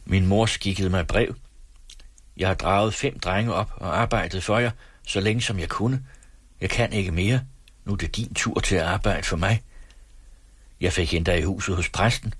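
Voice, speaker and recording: Low husky man voicing a wry, stubborn ex-soldier farmhand, calm and cheeky. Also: pauses often, no room sound. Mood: earnest. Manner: plain-spoken, calm and wry. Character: sly, stubborn former cavalryman, a farmhand.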